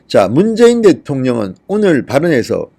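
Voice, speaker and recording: A man's voice: medium pitch, big pitch swings, normal speed, creaky, warm tone. A middle-aged man hosting a political commentary monologue, indignant and firing off rhetorical questions. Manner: indignant, rhetorical questions, reads quotes aloud.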